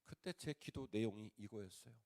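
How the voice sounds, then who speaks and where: A male pastor tells a story in a sermon, jumping between loud outbursts and hushed asides. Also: fairly low pitch, brisk, vocal fry. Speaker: pastor, revival preacher. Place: church sanctuary.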